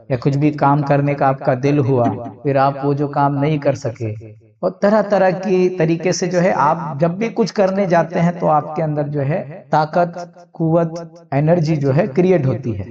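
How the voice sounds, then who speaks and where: A man with a high voice preaching as a Sufi teacher, talking in a relaxed conversational way and asking his listeners simple questions. He leans on a habitual filler phrase as he explains. The recording sounds dull and set back from the mic. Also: far from the mic. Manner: often uses the filler "jo hai". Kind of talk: spiritual talk to listeners.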